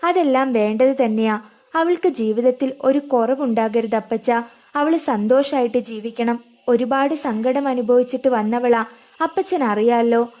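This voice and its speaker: മദ്യപിച്ച് വീമ്പു പറയുന്ന ഒരു അച്ഛനായി വായിക്കുന്ന ഒരു സ്ത്രീ. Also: female voice, a little high, moderate pace, darkish tone, natural voice. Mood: boastful. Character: doting drunken father, middle-aged man.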